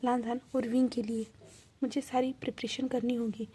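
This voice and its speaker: Doting, fussing mother, read by a woman storyteller, steady and high. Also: moderate pace, a little hiss or hum, close to an everyday voice. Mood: bustling. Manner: fussing, repeats endearments. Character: doting, bustling middle-aged mother.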